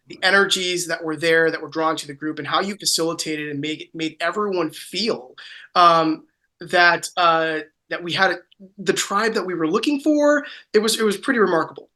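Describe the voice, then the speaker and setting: A woman's voice: on the low side, moderate pace, pushed and bright. A woman hosting a spiritual podcast interview, talking in a rambling way with many fillers and restarts. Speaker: podcast host. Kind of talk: casual interview.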